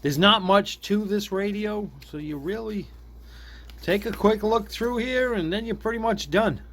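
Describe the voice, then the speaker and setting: This product reviewer's voice is high-pitched and fairly bright, and his pace is a little slow. He does an informal, hands-on gadget demo indoors, frequently chuckling while thinking aloud, with clear background noise in the room.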